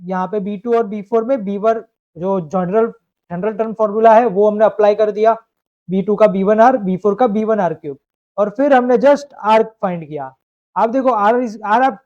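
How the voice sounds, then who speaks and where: A high-pitched man works through a math problem in a live online class, checking step by step that his students follow. The sound is dull and lo-fi, like a compressed stream. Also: warm tone. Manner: explains step by step, asks students to confirm. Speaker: math teacher.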